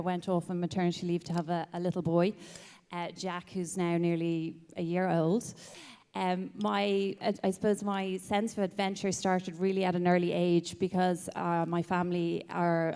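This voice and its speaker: Smooth-voiced woman on a panel. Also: on the low side, a little mellow. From Ireland. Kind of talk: conference self-introduction. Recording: long hall reverb.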